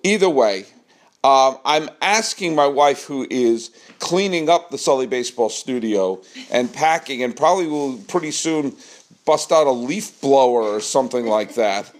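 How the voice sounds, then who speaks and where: A man's voice: medium pitch, animated, moderate pace. A man hosting a casual baseball podcast, joking and projecting as he performs. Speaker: podcast host.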